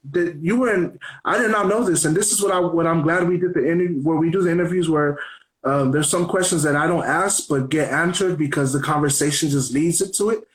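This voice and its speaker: A man in his thirties hosts a relaxed radio interview. His voice sits a little high for a man, and he rambles and circles back on his own sentences as he talks. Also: brisk, poor audio. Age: 30s. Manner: loose, rambling, many restarts. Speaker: podcast host. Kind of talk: casual interview chat.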